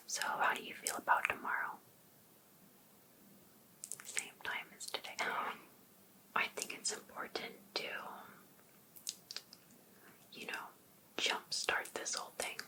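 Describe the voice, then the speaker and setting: Whispering breathily, a woman takes on the role of a sweetly pushy, obsessive life coach for ASMR, speaking in a coaxing, deliberate manner. She acts it lightly, and the recording quality is low.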